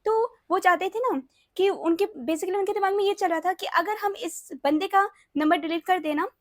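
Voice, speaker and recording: A woman's voice: very high voice, moderate pace, no room sound, clean studio sound. A young woman in a casual storytime vlog who mixes English phrases into her Hindi, repeats words and keeps checking in with the listener. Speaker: storytime vlogger.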